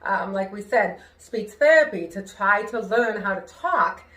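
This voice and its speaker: A New York woman, a singer and show host, gives a personal, conversational talk in an echoey room. Her medium-pitched, unhurried voice shows hearing-impaired speech, with r sounds drifting toward w. She pronounces carefully with worked-on inflection and speaks expressively and emphatically.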